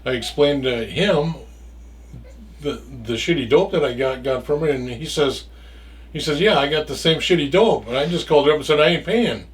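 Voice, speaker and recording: A man's voice: fairly high pitch, moderate pace, distant mic. Rambling, cursing man telling a story from a bit off-mic. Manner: rambling, stumbles and repeats words, swears freely. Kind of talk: casual spoken storytelling.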